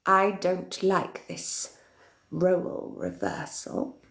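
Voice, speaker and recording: In a very animated, slightly bright, heavily acted performance, a woman voices an ancient, evil queen of darkness addressing her followers in an in-character chat with viewers. Her slow, theatrical murmur swoops in pitch, frequently drops to a breathy whisper, and rings with roomy echo, sinister in mood.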